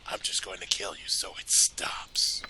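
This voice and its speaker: A man's voice: unhurried, pushed and bright, no room sound. A man voicing a menacing male warrior, whispering harsh threats in a whispered role-play.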